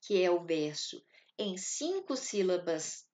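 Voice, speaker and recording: A Brazilian Portuguese-accented woman leads a literature class in a fairly low, sing-song, slightly mellow voice, taking her time. Her explanations go step by step, and she often stops with short tag questions to check that the class is following.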